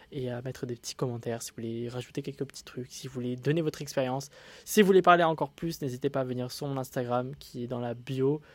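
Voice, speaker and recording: A young man hosting a solo podcast, rambling and hesitant with many fillers and restarts. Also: mid-range voice. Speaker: podcast host.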